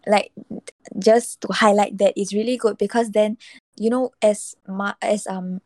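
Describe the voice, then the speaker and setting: A woman hosting a casual podcast, speaking haltingly as she searches for her words. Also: mid-range voice, steady tone, a little mellow, no room sound.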